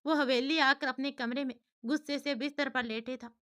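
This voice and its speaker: A woman's voice: sits high, fairly even intonation, moderate pace, fairly bright tone. A woman narrating a family story as a storyteller, reading steadily.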